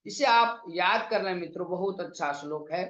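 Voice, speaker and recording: A man teaching an online exam-prep lesson, drawing out vowel sounds slowly and reciting verses in a chanting lilt. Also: sits high, fairly bright tone. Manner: slow, drawn-out vowel demonstrations. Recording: echoey, slightly dull sound.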